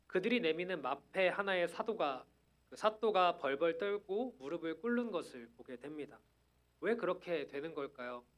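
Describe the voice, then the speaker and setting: A man's voice: fairly high pitch, a bit bright. A man preaching a sermon, earnest, building up to emphatic declarations.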